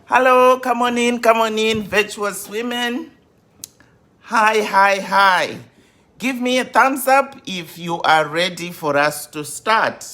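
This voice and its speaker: A woman in her fifties, a grief coach hosting a live stream, welcoming viewers over and over in an unhurried way with many fillers. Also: mid-range voice, fairly bright tone. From Zimbabwe.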